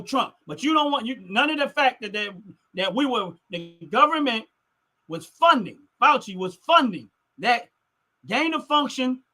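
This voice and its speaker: The voice is extremely high-pitched and sharp, belonging to a middle-aged man hosting a livestream. He talks casually to chat with firm opinions, emphatic and repeating phrases to make them stick.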